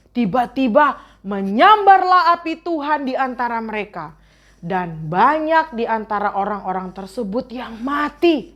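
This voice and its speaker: High-voiced woman telling kids a Bible story. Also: highs cut off. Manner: animated, exaggerated voices and exclamations for kids. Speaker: Sunday school teacher. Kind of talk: storytelling Bible lesson for children. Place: church online children's service.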